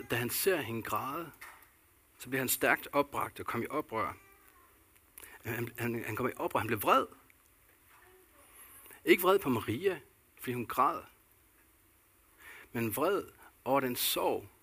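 A man's voice: medium pitch, lively intonation, long pauses, pushed and bright, breathy edge. A man delivering a sermon as a pastor, earnest and repetitive, posing questions to the congregation.

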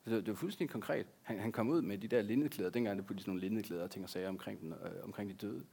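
A pastor delivers a sermon in a low, gravelly voice with a husky edge. He talks earnestly and leans on repeated words for emphasis. The voice is a man's. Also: dark tone.

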